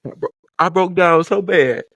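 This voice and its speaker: A man's voice: sits high, normal speed, fairly bright tone, no echo. A man speaking as a vlogger, telling a personal story with emotion, near tears at times. He talks frankly and with profanity, stumbling and repeating words as he goes.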